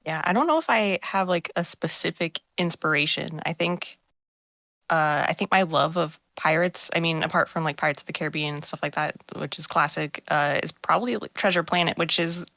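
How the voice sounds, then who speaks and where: A man in a casual livestream Q&A, relaxed and trailing off as he talks. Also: a little high, a little fast, gravelly, no room sound. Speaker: game designer.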